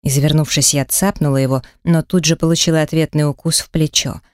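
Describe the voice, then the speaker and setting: A woman narrating a first-person romance audiobook in an intimate, breathy manner on a close studio mic. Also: sits low, steady tone, a little fast, a little mellow, no room sound.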